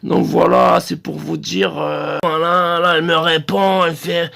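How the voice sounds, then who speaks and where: A man runs through a crude, rambling sales pitch in a comic phone sketch, stumbling over hesitations as he plays a shop receptionist. His voice sits high, with a heavy gravelly crackle and a sharp, bright edge. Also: level tone, a little slow.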